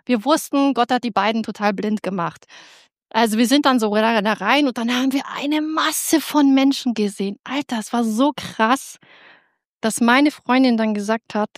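A woman telling an audience a lively personal faith story, excitable and full of restarts. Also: fairly high pitch, normal speed, no echo, studio quality. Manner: animated, excitable, with many restarts. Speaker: speaker giving a personal faith testimony.

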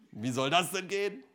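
A man delivers a sermon in a casual, joking tone, laughing along with his own asides. His voice sits a little high for a man. He swings between hushed remarks and loud bursts of emphasis. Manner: conversational, jokey, laughs often, many fillers like ne and äh. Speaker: preacher. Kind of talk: lively sermon to a congregation.

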